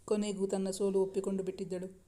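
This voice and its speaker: A woman hosting her channel and narrating a serialized romance story in a steady, even reading. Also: mid-range voice, fast.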